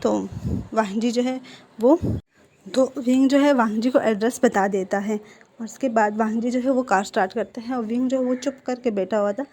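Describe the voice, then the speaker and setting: Woman casually retelling a fan story, chatty, lots of "jo hai", mellow soft voice. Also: fairly high pitch, normal speed. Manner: chatty, with many fillers and self-corrections.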